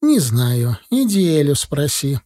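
A man playing a brisk, proud old village woman. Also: on the high side, sing-song, dark tone, full character voice.

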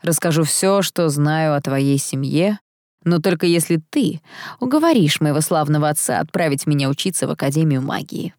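A woman's voice: deep voice, expressive, normal speed, a little mellow, no room sound, clean studio sound. A woman voicing a sarcastic, haughty nineteen-year-old half-angel man in an audiobook, with a mocking, flippant manner.

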